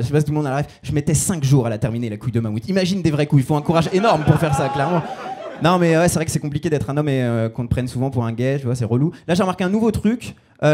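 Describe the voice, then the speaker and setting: A man's voice: on the high side, noisy background. A man in his twenties performing a self-mocking stand-up set on stage, in a casual slangy way. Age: 20s. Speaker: stand-up comedian. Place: stage before a live audience.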